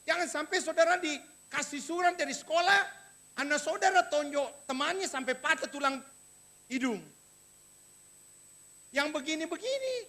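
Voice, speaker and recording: A male pastor preaching, his voice very high for a man and bright with a forceful edge. He addresses the congregation directly and swings between lively, raised points and quiet, low asides. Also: normal speed. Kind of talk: sermon.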